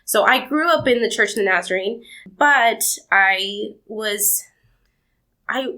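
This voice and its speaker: A young Argentine woman with a medium-pitched voice speaks slowly as a podcast guest. She answers interview questions by rambling into warm stories, laughing along the way.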